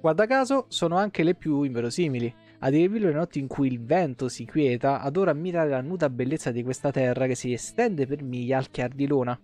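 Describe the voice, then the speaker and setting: A thirtysomething man streaming a game reads its lore out loud, adding offhand comments as he goes. His mid-range voice moves fairly quickly with few pauses, though it's tiring and starting to fail. Gentle plucked guitar plays in the background.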